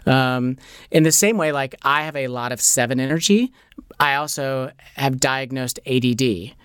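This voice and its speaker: A middle-aged man speaks as a guest on a radio show. His voice is smooth and resonant, heard dry and close in the studio. He talks in an animated, conversational way, with plenty of "like" and "you know.". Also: medium pitch, moderate pace, no room sound.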